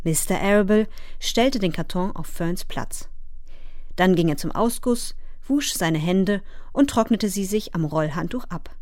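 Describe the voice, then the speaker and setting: A woman narrating a children's storybook in a calm, even storytelling voice. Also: fairly low pitch, measured pace, no room sound, studio quality. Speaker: audiobook narrator.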